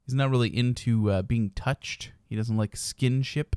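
A man talks casually on a podcast, rambling loosely with filler words and easy laughter. His voice is smooth and clear, recorded close in a dry room with no echo. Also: mid-range voice, normal speed, a little mellow. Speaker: podcast co-host. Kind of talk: casual chat.

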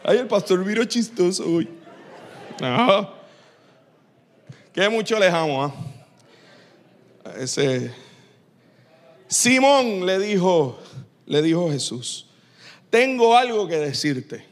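A man preaching a lively, joking sermon in church, teasing his congregation with quick asides. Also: high voice. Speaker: pastor.

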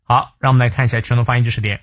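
A man's voice: mid-range voice, little pitch movement, very fast, fairly bright tone, no room sound, studio quality. A man with a Mandarin Chinese accent hosting a daily English lesson, explaining a sentence word by word and mixing English and Chinese. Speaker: English teacher, host.

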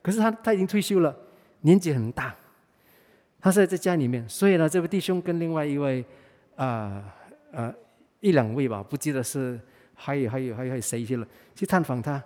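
A man's voice: fairly high pitch, lively intonation, a little fast, a little mellow. A man with a Malaysian Mandarin accent preaching a sermon, telling a story in a conversational way and often repeating and restarting his words. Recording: reverberant hall.

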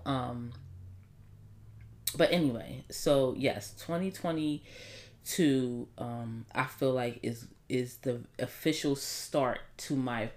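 A woman in her thirties talking casually and bluntly to her viewers, slangy and opinionated. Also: extremely low pitch. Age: 30s. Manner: blunt, opinionated, slangy, animated when making a point. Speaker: vlogger. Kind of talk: casual monologue to camera.

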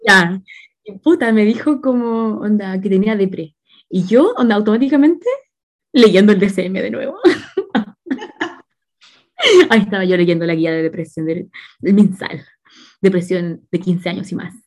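A woman's voice: medium pitch, moderate pace, long pauses, a little mellow. A woman with a Chilean accent chatting casually, telling stories in a slangy, laughing way. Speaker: podcast co-host. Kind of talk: casual chat.

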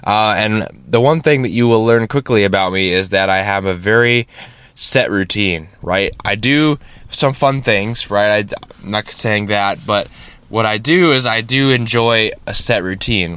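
A man's voice: fairly low pitch, fairly bright tone, smooth, no room sound. A man hosting his own podcast in a casual, rambling way, his voice stuffy and nasal from a cold and often tagged with "right?". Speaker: podcast host. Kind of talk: casual solo podcast talk. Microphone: studio podcast microphone.

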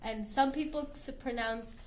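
A woman's voice: fairly high pitch, a little hiss or hum. A teenage girl, a podcast guest, chatting casually and laughing while she argues over how words are said. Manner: giggly, quick to debate pronunciations. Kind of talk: casual chat.

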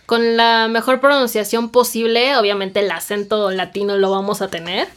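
A woman's voice: mid-range voice, flat delivery, normal speed. A Mexican woman chatting casually and acting out past conversations in a Mexican accent. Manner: chatty, acts out quoted exchanges. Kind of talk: casual chat.

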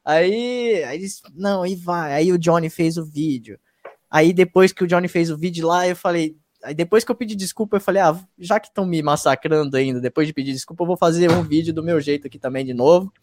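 Slangy, emphatic man, slightly high voice. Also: darkish tone, no room sound. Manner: slangy, fast-talking, swears freely; emphatic, often asks "tá ligado?". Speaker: guest, YouTube reaction channel host. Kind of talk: casual interview storytelling.

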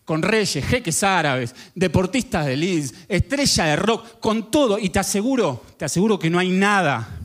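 A man's voice: high voice, animated, normal speed. A man with an Argentine accent telling a boastful comedic story that turns into a gospel message. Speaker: comedic preacher.

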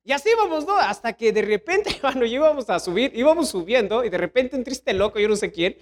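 A middle-aged man with a Mexican accent, preaching a sermon as pastor, telling lively stories and tossing rhetorical questions at the congregation. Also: brisk. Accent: Mexican Spanish. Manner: animated storytelling preacher, sweeping pitch swings, rhetorical questions.

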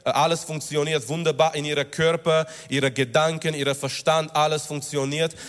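A male pastor preaching a sermon with emphatic stresses, slowing down on key words and building up in pitch and loudness. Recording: long reverb of a large hall.

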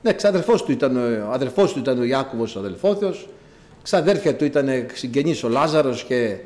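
A man preaching a sermon, telling stories and addressing the congregation directly in an animated way. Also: medium pitch. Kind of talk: sermon with storytelling.

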